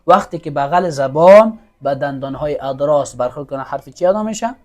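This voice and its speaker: A man's voice: on the high side, expressive. A man teaching Quran recitation, patiently drilling letter sounds for students to repeat and praising them. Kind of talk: classroom lesson, call-and-repeat drills.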